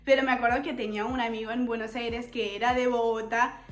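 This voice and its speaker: High-voiced chatty French woman vlogger. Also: flat delivery, a little fast. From France. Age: 20s. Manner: chatty, giggly, playful. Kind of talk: casual chat to camera. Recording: echoey room with faint music.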